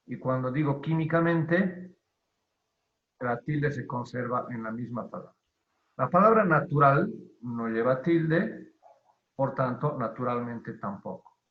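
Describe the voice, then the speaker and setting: Man teacher, slow deliberate explaining, tinny call audio. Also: medium pitch, roomy sound. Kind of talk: online class lecture on spelling.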